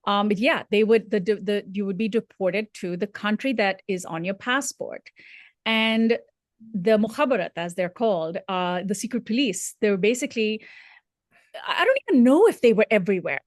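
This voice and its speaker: Speaking with a middle-pitched, expressive voice, a woman who grew up in Dubai works through an issue as a senior correspondent. She's earnest and reflective, often stalling on fillers and starting sentences over, and the recording is dry and close with no room around it.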